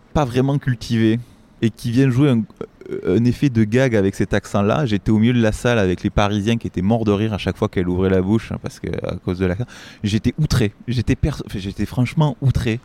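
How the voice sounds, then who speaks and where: A man's voice: medium pitch, warm tone. A man hosting a film review show, chatting casually in an indignant, rambling way with many restarts. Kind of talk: casual chat.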